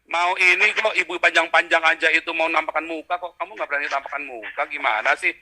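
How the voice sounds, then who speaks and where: A man's voice: a little high, fast, sharp tone. A man hosting a heated video-call debate, talking in a mocking, vulgar and combative way.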